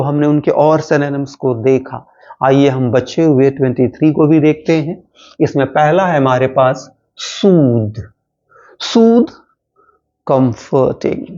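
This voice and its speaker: A male teacher walks through vocabulary at a very slow, deliberate pace, spelling each word letter by letter and repeating it. His voice sits a little high for a man. The recording is dull and lo-fi. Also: a little mellow. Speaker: English teacher for exam prep.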